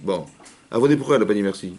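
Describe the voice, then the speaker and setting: A rabbi giving a lively Torah class, rapid and animated, acting out little dialogues as he answers questions. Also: on the low side, crowd noise. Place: community hall.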